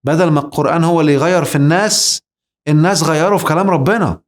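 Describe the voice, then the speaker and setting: A man's voice: on the high side, very fast. A man with an Egyptian Arabic accent giving a religious lecture, emphatic and rhetorical, speaking straight to the listener.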